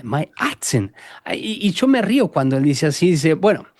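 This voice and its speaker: A man from Argentina with an Argentine accent, a guest telling animated stories in a conversational interview. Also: a little high, a little fast, dry recording, clean studio sound. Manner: animated storyteller, acts out quotes.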